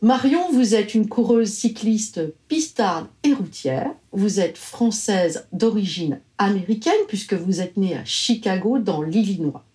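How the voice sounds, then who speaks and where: A woman's voice: mid-range voice, a little slow, hardly any pauses, warm tone. A woman podcast host reading a formal scripted introduction. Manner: formal, read aloud. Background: faint music.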